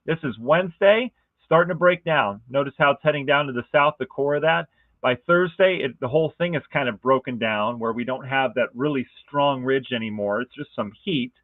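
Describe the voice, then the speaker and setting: A man's voice: medium pitch, brisk, no room sound. Enthusiastic male weather forecaster, phone-thin sound. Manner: enthusiastic, conversational, asks viewers rhetorical questions. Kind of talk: casual weather forecast walkthrough. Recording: dry, phone-like narrow band.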